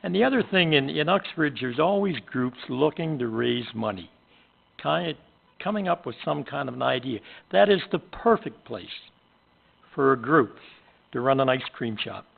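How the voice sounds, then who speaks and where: A gravelly-voiced Canadian man speaks up as a town councillor, plain-spoken and halting, filling pauses with "uh". The sound is thin and tinny, like a phone line. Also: medium pitch, lively intonation. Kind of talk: council meeting discussion.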